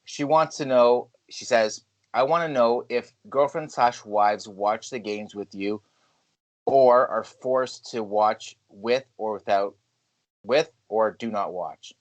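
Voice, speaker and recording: A man co-hosting a podcast, chatting casually about hockey and telling lively stories with plenty of swearing. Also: fairly low pitch, takes it slowly. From Canada. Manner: lively storyteller, swears freely. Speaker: podcast co-host. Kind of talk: casual sports chat.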